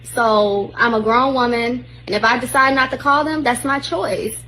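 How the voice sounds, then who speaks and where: A woman in her twenties making a calm, insistent self-recorded video statement. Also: on the high side, moderate pace, poor audio. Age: 20s.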